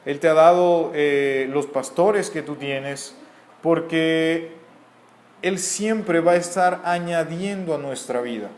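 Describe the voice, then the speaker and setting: A man's voice: a little high, slow, echoey room. A man from Mexico with a Mexican accent, giving an earnest, repetitive Bible teaching. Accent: Mexican Spanish.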